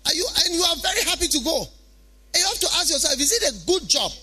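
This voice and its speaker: Male preacher, Ghanaian accent, animated swooping intonation, forceful sharp tone, emphatic repetition, rhetorical questions. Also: very high-pitched, fast. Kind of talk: sermon.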